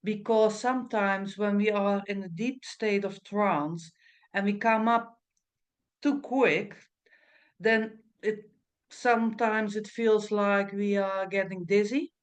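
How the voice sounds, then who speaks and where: A woman with a mid-pitched voice leads listeners through meditation. She speaks very slowly and soothingly, with a mesmerizing calm. Her English has non-native phrasing, and she leaves space between phrases. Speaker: trance meditation teacher and medium. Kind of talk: guided meditation instruction.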